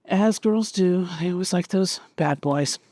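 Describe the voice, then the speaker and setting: A woman's voice: fairly low pitch, a little slow, warm tone, dry recording, clean studio sound. A woman hosting a casual, rambling chat as a comic book collector, flipping through old issues with an amused tone.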